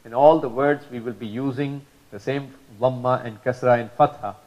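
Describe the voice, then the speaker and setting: A man's voice: mid-range voice, steady tone, moderate pace, a little mellow, muffled recording. A man teaching Arabic pronunciation in a religious lesson, patiently repeating model sounds with many fillers.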